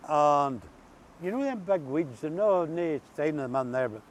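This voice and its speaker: An older man with a rural Ulster accent, chatting and telling stories casually as an interview guest outdoors. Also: normal speed. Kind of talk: casual storytelling chat. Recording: steady background noise, outdoor rumble.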